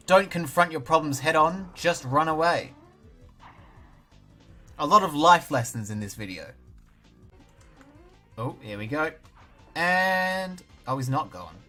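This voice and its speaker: This gaming YouTuber, a young Australian man, delivers casual let's-play commentary full of dry, self-mocking jokes, sometimes through a mouthful of banana. His voice runs on the high side with lively intonation, a measured pace, frequent pauses, and a sharp tone, over faint music.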